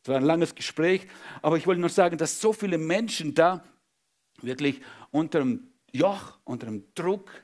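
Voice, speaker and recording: A male pastor preaching a sermon dramatically, swinging between loud emphasis and hushed whispers. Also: fairly high pitch, normal speed.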